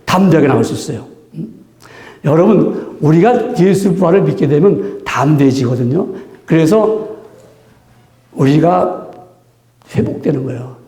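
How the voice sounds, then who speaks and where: A man's voice: fairly high pitch, lively intonation, unhurried, pauses often, mellow. A male pastor giving a conversational sermon, asking rhetorical questions and acting out quotes. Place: church sanctuary. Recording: echoey church room.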